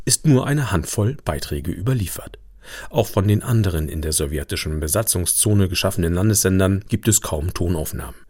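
A man's voice: low voice, a little mellow, no echo, studio quality. A man reading scripted documentary narration as the narrator of a radio feature.

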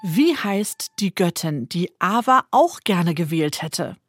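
A woman hosting a children's book show, lively and chatty, who often tags her sentences with little questions. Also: fairly low pitch, takes it slowly, over music. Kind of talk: radio show presentation.

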